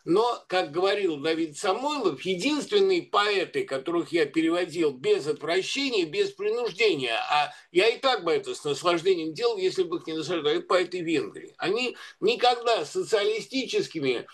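A man's voice: high-pitched, lively intonation, normal speed, hardly any pauses. A man giving a long, discursive spoken commentary, full of hesitations and restarts. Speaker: guest commentator. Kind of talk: conversational commentary.

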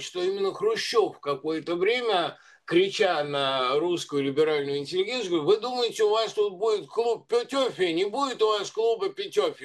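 High-voiced discursive man. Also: a bit bright. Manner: discursive, many hesitations and restarts. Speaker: guest commentator. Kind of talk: conversational commentary.

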